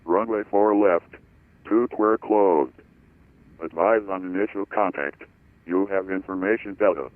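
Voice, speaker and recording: A man reading an airport weather broadcast over an aircraft radio, in a flat, measured delivery of codes and numbers. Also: deep voice, dry recording. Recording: tinny radio transmission.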